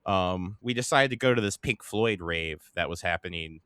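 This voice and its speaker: A man in his thirties co-hosting a podcast, telling a story in a halting, laid-back way. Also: low voice, pushed and bright, smooth, no room sound, studio quality. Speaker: podcast co-host. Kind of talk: casual chat.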